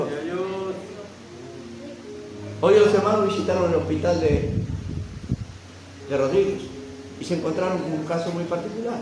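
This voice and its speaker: A man preaching a fervent sermon as pastor, rising to loud proclamation. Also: fairly high pitch, background noise. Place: church hall. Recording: echoey church sound from a distant mic.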